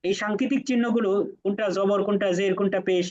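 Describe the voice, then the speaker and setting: A man with a high voice gives a Quran lesson, calmly explaining and repeating letter sounds so his students can compare them. The sound is muffled and lo-fi. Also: fast. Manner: asks students rhetorical questions. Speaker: Quran teacher. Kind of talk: classroom lesson.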